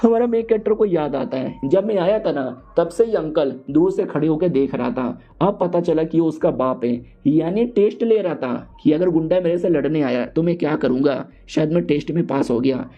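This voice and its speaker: A man's voice: on the high side, lively intonation, moderate pace, hardly any pauses, muffled recording. A man narrating a comic recap in a casual, slangy, joking storytelling way.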